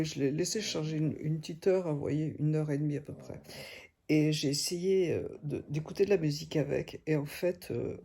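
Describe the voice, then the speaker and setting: A middle-aged woman, sick and hoarse, talks through a casual product review at home into her phone. Her voice is gravelly, husky and darkly muted. She chats on with plenty of hesitant restarts. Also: deep voice, warm tone. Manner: chatty and hesitant, often restarting phrases. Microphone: phone camera.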